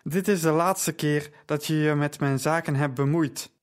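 A man reading the part of an angry, hostile man who speaks loudly and accusingly. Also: a little high, fairly even intonation, normal speed, clean tone, close to an everyday voice. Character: angry red-faced man, blustering and hostile.

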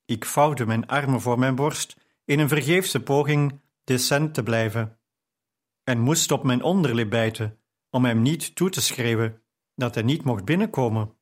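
Slow, measured male audiobook narrator. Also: medium pitch. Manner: calm, measured storytelling. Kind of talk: scripted narration.

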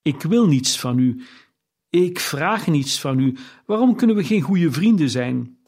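A man voicing a cheerful, warm-hearted young man who pleads earnestly, in an audiobook reading. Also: on the high side, expressive, a little slow, husky, full character voice. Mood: pleading.

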